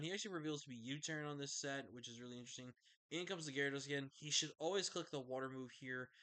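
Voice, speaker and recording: A man talking through his own game match in a loose, chatty commentary full of fillers and mid-sentence fixes. His voice sits a little high and sounds bright and crisp, though he is sleepy and yawning late at night. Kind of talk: casual gameplay commentary.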